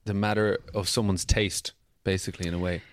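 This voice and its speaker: A man's voice: low-pitched, level tone, fairly quick. A man chatting casually as a podcast co-host. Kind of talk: casual chat.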